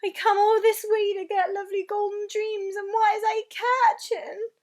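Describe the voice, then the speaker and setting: A woman puts on a big friendly giant from a storybook, a high-pitched voice well above her narrating tone that keeps bursting out loud. He mangles his grammar and throws in invented words, swinging between hushed awe and anguished cries. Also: expressive, a little slow. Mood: distressed outcry. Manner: broken grammar, made-up words, exclaiming. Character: big friendly male giant, excitable and odd-spoken. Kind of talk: storybook reading.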